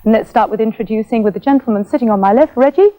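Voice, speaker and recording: Higher-voiced woman TV host, old tape. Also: rapid-fire. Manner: bright, friendly, teasing. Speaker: TV interviewer. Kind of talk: TV interview hosting. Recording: dull lo-fi 1980s TV tape.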